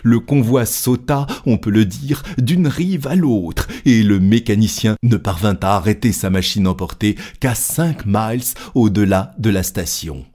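A man with a lowish voice reading a classic novel aloud. His narration is measured and steady, with a touch of drama at the tense moments. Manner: measured, lightly dramatic storytelling.

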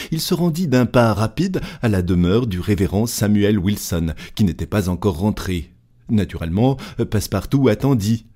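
A man reading a classic novel aloud as an audiobook narrator, in a measured, deliberate storytelling manner. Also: lowish voice, mellow. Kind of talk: scripted narration.

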